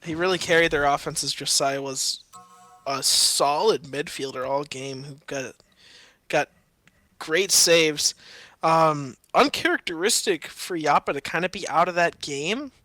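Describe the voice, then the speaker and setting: A man's voice: fairly high pitch, unhurried, sharp tone, no room sound. A young man giving analytical color commentary on an esports match, with frequent ums and easy laughter. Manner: analytical, filler-heavy, laughs easily.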